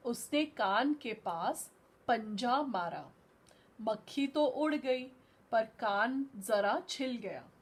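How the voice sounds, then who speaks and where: A woman's voice: a little high, lively intonation, slow, breathy edge. A woman school teacher in an online class, reading a story aloud and patiently explaining words, mixing in English terms. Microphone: video call.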